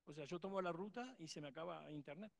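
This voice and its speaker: Rising from the audience at a conference, an attendee with an Argentine Spanish accent delivers an emphatic, rambling question full of restarts and passion. He talks fast in a slightly high voice with vocal fry.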